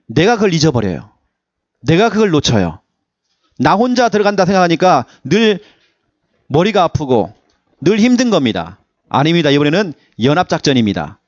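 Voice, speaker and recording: A man's voice: fairly high pitch, moderate pace, pauses often, dry recording, muffled recording. A man preaching a Sunday sermon as pastor, in a playful, joking manner. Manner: animated, playful preaching with jokes. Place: church service.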